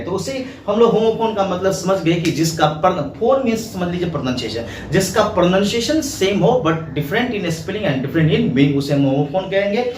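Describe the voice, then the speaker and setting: Teacher in an echoey room. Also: male voice, on the high side, darkish tone, distant mic. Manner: explains slowly, asks questions and answers them himself. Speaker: English teacher. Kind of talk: classroom grammar lesson. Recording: echoey room, voice a bit off-mic.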